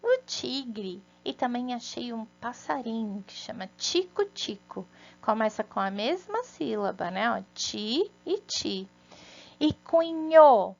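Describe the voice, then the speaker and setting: Brazilian woman, first-grade teacher, slow and patient, sing-song delivery, slightly high, dull lo-fi sound. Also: sing-song, vocal fry. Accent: Brazilian Portuguese. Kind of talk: recorded remote lesson for young children.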